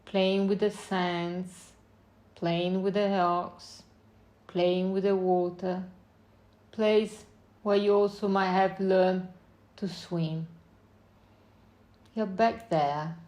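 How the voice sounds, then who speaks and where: In this guided meditation, a woman with a mid-range, steady voice walks the listener through a slow visualization. Her instructions come softly, in brief unhurried phrases separated by long silences.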